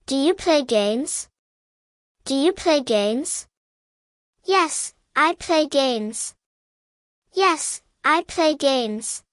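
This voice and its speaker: In an animated way, a woman with a distinctly high voice works through a beginner language drill as an English teacher narrator. She keeps her short phrases slow, careful and evenly measured, repeating every one, and the audio is dry without any echo.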